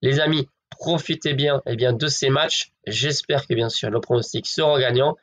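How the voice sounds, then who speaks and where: A man's voice: medium pitch, fairly even intonation, moderate pace, fairly bright tone. Chatty man giving football tips. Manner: chatty, addresses viewers as friends, hedges with fillers. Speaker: football betting tipster. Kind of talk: casual direct-to-camera football predictions.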